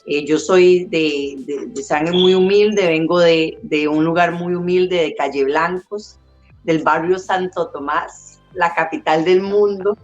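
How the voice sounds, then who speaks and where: A woman's voice: fairly low pitch, fairly even intonation, slow, dull audio, faint music behind. A woman, a guest talking from her home over a video call in a proud, chatty way with many fillers. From United States, Costa Rican parents. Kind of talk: casual interview conversation.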